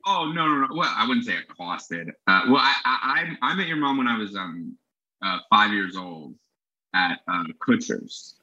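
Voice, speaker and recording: A man guest telling a story in a casual chat, halting with many fillers. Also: on the low side, big pitch swings, sharp tone. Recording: dull lo-fi sound.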